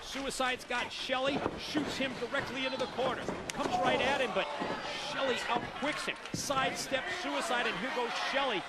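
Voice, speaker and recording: A man calling live wrestling play-by-play in an excited, emphatic commentary style. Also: very high voice, moderate pace, heavy background noise. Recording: loud crowd and music behind. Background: arena crowd and music.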